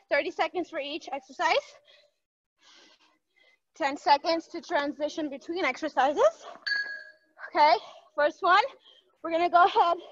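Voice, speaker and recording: A woman's voice: extremely high pitch, fairly bright tone, no room sound. A young woman coaching as an aerobics instructor, calling out cues, counts and encouragement with motivating energy. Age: young adult. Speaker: fitness instructor leading a live stream workout. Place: large gym, indoors. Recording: dull, lo-fi livestream audio.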